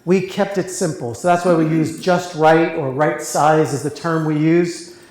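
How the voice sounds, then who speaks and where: A man presenting his company's product at a live event, talking briskly and chatting with the audience. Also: a little high, steady tone, darkish tone. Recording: very echoey room audio.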